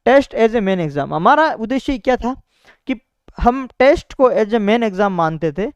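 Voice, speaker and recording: A man's voice: high-pitched, lively intonation, a little slow, smooth, no echo, dull audio. A young man talks casually to exam students about his preparation, repeating himself and filling in with "bhai" and "theek hai". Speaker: exam topper sharing preparation strategy. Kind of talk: casual motivational talk to students.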